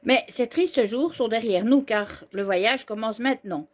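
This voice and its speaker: A woman reading aloud the lines of an eager, boastful young male Pokémon trainer from a manga, excited and declaiming. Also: on the high side, unhurried.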